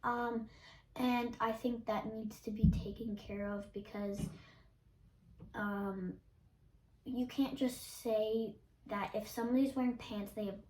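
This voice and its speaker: A teenage girl answers questions in a casual, halting way, filling pauses with ums and restarting her sentences. Her voice sits fairly high. She sounds far from the microphone in a roomy, echoing space. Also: fairly even intonation, darkish tone, a little hiss or hum. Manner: hesitant, many ums and restarts. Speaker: interviewee, younger sibling. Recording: roomy echo, distant mic.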